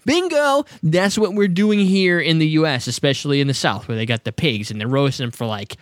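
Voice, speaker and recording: A man's voice: fairly high pitch, expressive, brisk, no echo, clean studio sound. A man hosting a casual chat, reading facts aloud with joking asides and frequent laughs. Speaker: podcast host.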